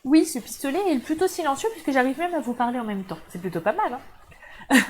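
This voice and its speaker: A woman's voice: high-pitched, animated, fairly quick, a little hiss or hum, poor audio. Chatty French woman hosting a craft livestream. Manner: chatty, warm asides to viewers, laughs often. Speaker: crafting channel host. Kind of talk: casual live crafting demo. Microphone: camera mic.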